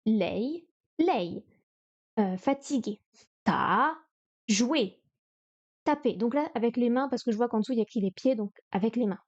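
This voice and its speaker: A woman's voice: fairly high pitch, moderate pace, darkish tone, highs cut off. A woman on a live stream studying Chinese vocabulary, repeating words, counting strokes aloud and chatting to herself as she goes.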